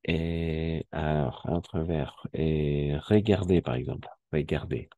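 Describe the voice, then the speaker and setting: A man's voice: extremely low pitch, takes it slowly, dark tone, dull audio. A man teaching a French class, patiently explaining and repeating key words and checking that students follow. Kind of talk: live language class explanation.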